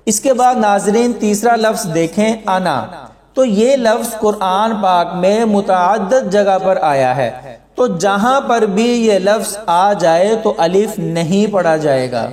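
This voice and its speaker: A man teaching Quran reading in a slow explanatory lesson, with a Pakistani Urdu accent, drawing out the words he recites. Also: high-pitched, a little mellow. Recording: echoey room with long reverb.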